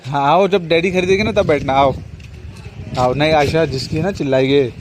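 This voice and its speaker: A young father with a western Uttar Pradesh Hindi-Urdu accent, filming a casual vlog and gently, playfully coaxing his small child. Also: a little high, moderate pace. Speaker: vlogger and father. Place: outdoors by a street market. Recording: outdoor phone recording with loud street noise.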